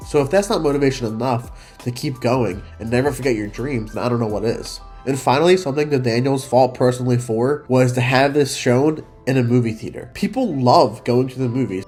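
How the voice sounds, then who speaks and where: A man hosting a film commentary video, speaking with a sick, slightly hoarse voice in an earnest, opinionated way. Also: medium pitch, a little mellow.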